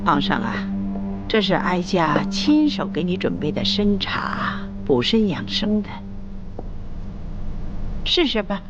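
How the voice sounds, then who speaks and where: An actress playing an elderly, shrewd empress dowager in a Chinese costume drama, measured and outwardly doting while sweetly passive-aggressive. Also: female voice, fairly low pitch, very animated, highs cut off, over music. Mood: sweetly pointed. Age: older.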